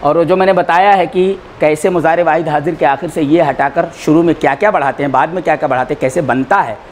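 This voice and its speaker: A man teaching a class in a lecture style, repeating words slowly for students to write down. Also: fairly high pitch, a little hiss or hum. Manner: slow, repeats words for dictation. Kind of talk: classroom lecture, dictating notes.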